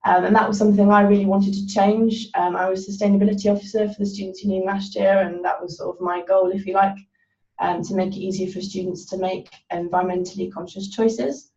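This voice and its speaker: A young woman, a student, gives a webinar presentation in a mid-range, level, slightly mellow voice at a fairly quick pace. She hesitates often and says "um" a lot. The webinar audio sounds distant, echoey, and muffled.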